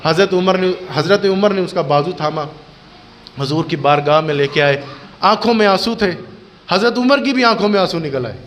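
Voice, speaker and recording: A middle-aged male preacher tells a religious story in an impassioned, chatty sermon style. His voice sits fairly high for a man. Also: a bit bright, a little hiss or hum. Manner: impassioned, colloquial storytelling with acted quotes. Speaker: Islamic preacher.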